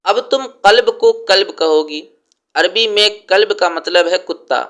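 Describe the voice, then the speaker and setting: A man's voice: high-pitched, a bit bright. A man voicing a strict correcting aunt. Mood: lecturing. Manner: stern, corrective, drawn-out emphasis on sounds. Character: strict aunt fussing over correct pronunciation.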